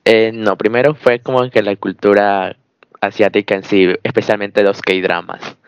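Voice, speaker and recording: A young man from Ecuador, in his early twenties, is answering interview questions with an easy, agreeable manner. His voice sits fairly low and is recorded dry, with no room sound, and he often drops in short murmured acknowledgements. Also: moderate pace, smooth, no room sound, lo-fi sound. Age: 20s. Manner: relaxed, agreeable, many short "ujú" acknowledgements. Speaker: guest.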